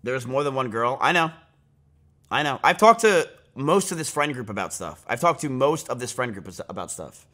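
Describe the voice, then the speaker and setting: Very animated at a normal speed, this man's medium-pitched voice is bright and forceful. The twenty-something livestreamer chats casually from his small home streaming room, rambling with fillers and restarts and turning heated and blunt.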